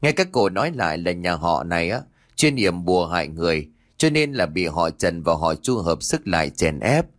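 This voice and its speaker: A man's voice: deep voice, sing-song, normal speed, no echo, studio quality, pitched below the performer's own voice. A man voicing an older village clan head who talks brusquely and dismissively in a ghost story. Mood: grateful.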